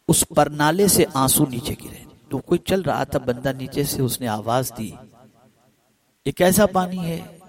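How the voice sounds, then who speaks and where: A man preaching a religious sermon. He stretches some phrases out slowly and builds others to loud, fervent peaks. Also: fairly high pitch, breathy edge. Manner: swells from slow, drawn-out phrases to loud impassioned peaks.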